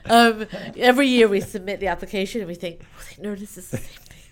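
A woman from Iran who grew up in the UK, speaking as a guest in an interview in an animated, chatty way with many fillers. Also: medium pitch, fast. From Iran, raised in the UK. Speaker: event organizer, guest. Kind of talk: conversational interview.

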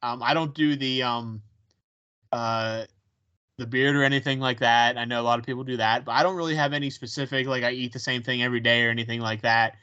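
A man's voice: medium pitch, steady tone, fairly quick, bright, forceful tone, smooth. A man with a Pittsburgh accent co-hosting a podcast in casual chat, rambling with many ums and restarts. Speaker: podcast co-host. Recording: dull lo-fi sound.

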